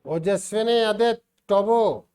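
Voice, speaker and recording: High-voiced teasing math teacher. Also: male voice, takes it slowly, mellow, smooth. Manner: teasing, coaxing, checks understanding by name. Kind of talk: classroom teaching, mixing Hindi and English. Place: classroom with online students joining.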